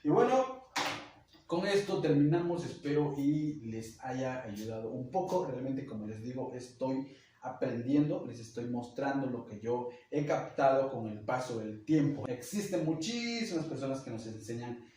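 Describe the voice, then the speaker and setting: A young man with a Mexican Spanish accent, a native Nahuatl speaker, giving a casual language lesson and slowly repeating words for learners. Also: mid-range voice, lively intonation, warm tone, slight background noise. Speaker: language teacher. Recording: echoey room, heard from a distance.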